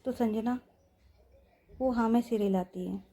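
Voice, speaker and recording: A woman's voice: a little high, measured pace, mellow, husky. A young woman narrating a story in a casual, chatty way, turning to her listeners with asides.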